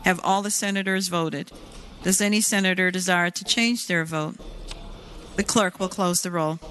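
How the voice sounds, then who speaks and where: A woman presiding over a state senate session, briskly reciting formal voting calls. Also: fairly low pitch, a bit bright, a little hiss or hum. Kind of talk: formal parliamentary procedure. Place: legislative chamber.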